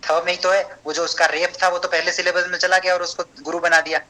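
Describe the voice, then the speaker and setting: Man, teacher, online class, explains step by step, chants verses slowly, very bright tone. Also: high-pitched, flat delivery, poor audio. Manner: explains step by step, often checks understanding. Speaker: Sanskrit teacher.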